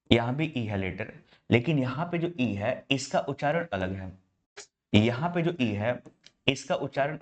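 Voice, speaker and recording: Guy teaching english in hindi, indian accent, keeps saying my brother, asks the class questions. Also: medium pitch. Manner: explains step by step, calls students "my brother"; asks students rhetorical questions. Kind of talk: online class lecture in Hindi.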